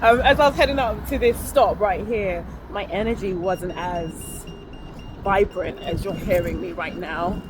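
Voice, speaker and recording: A vlogger with a mid-range voice talks a little slowly as she walks down a city street, holding her phone up to her face. She rambles candidly, correcting herself with small laughs, while traffic and street noise fill the outdoor phone recording.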